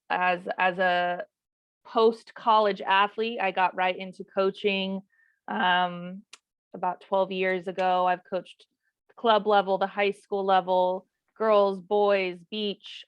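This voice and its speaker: A woman's voice: mid-range voice, smooth, no echo. A woman in her thirties from New Mexico, a volleyball coach leading a class over a video call, talking casually with many fillers. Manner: relaxed and chatty, with many fillers. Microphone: video call mic. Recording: dull, lo-fi call audio.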